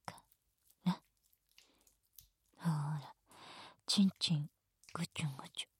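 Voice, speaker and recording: A woman playing a breathy, whispering teasing teacher. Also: low voice, fairly even intonation, slow, heavily acted. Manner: soft whispered teasing, bossy. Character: teasing, domineering adult female teacher. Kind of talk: erotic ASMR roleplay.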